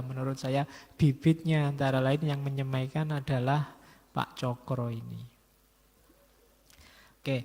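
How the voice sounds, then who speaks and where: A middle-aged man giving a relaxed evening lecture, chatty and joking, slipping in words. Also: medium pitch. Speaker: lecturer on philosophy and history. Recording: hall with long reverb.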